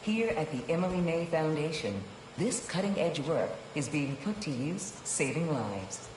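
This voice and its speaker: An actress playing a calm, polished female announcer in a video game, reading scripted information formally. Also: deep voice, a little slow, background noise. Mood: polished, promotional. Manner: formal, composed. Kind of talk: scripted public-address and exhibit narration. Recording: echoey hall, music behind.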